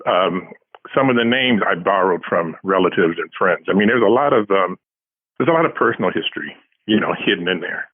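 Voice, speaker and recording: An interviewed author tells casual anecdotes with dry, self-deprecating humour. His low-pitched voice is animated and a little fast, coming through a tinny, phone-like line.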